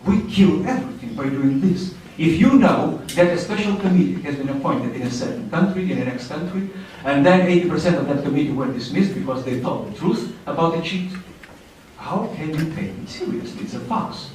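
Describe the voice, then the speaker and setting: Male panelist, Central European accent, emphatic and rhetorical, slightly high-pitched, heard in a very echoey room. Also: expressive, brisk, a little mellow. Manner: emphatic, rhetorical, formal phrasing. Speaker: panel speaker. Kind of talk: impassioned public panel discussion. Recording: very echoey room, distant mic, faint noise.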